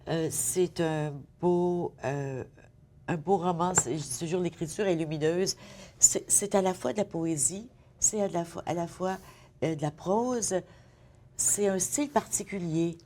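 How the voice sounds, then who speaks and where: Low-voiced woman TV host. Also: a little slow, dark tone, slight background noise. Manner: affirming, finishes the guest's sentences. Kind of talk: TV interview.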